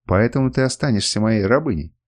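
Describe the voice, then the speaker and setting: A man voicing a cruel, scheming male ruler who speaks in a booming, commanding way in an audiobook. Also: animated, a little fast, a little mellow. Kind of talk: audiobook reading.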